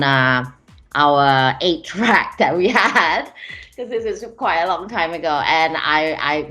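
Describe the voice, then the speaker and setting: A woman's voice: sits low, a bit bright. A woman from Malaysia, a music manager, talking reflectively in a casual interview, with frequent restarts and fillers over a video call.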